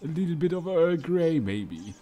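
A man putting on a mock-posh British gentleman offering tea, in an exaggerated, mocking manner. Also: a little high, big pitch swings, measured pace, soft background music, pitched above the performer's own voice. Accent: put-on British.

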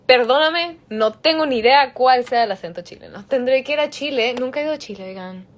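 A woman's voice: high-pitched, brisk. Giggly young woman on a livestream. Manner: bilingual, giggly, chatty, reads questions aloud. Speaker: musician answering fan questions on a livestream. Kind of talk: casual livestream Q&A. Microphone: phone livestream.

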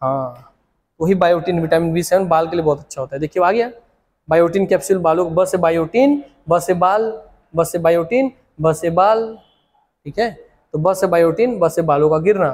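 A young man with a Chhattisgarhi accent giving an animated exam coaching lesson, repeating words and using memory tricks. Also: fairly high pitch, moderate pace, in a large hall. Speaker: teacher.

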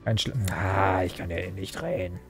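A man's voice: deep voice, steady tone, normal speed, vocal fry, fairly bright tone, soft background music. A young man commenting casually while he plays a video game, rambling and mocking himself, with many fillers and restarts. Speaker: Let's Play host.

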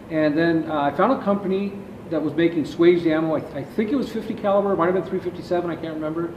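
A middle-aged man answers interview questions about his business at length while gesturing with his hands. His voice is a little high, and it is picked up by a distant camera in a large, echoey warehouse. The audio is dull, with clear background noise. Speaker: ammunition company founder, interview guest. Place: large warehouse with shelving, indoors.

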